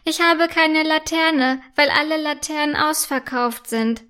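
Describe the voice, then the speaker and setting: A small kindergarten girl in a storybook, tearful and then eager, as a woman reads her, pitched well above a grown voice. She speaks in a bright, lifted voice that rises higher when she is keen. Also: fairly even intonation, a little slow. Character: sad little kindergarten girl.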